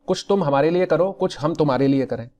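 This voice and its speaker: High-voiced man teaching biology. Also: fast talker. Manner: animated, talks straight to students, calls them beta; asks questions and answers them himself. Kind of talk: exam revision lecture.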